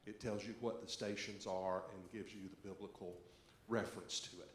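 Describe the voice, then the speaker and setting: His voice lowish and fairly even in intonation, a pastor moves at a moderate pace through introducing the service and reading scripture in the sanctuary. The church setting produces echo, and faint background noise is audible.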